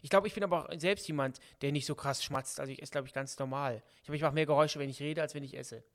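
A man's voice: fairly high pitch, fairly even intonation, quick pace. A man co-hosting a casual podcast, joking and rambling with frequent restarts. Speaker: podcast co-host. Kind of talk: casual chat.

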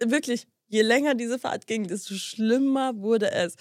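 A woman's voice: a little high, unhurried, a little mellow, dry recording, studio quality. A young woman casually telling a story to her co-host, acting out both sides of the dialogue and dropping English slang into her talk.

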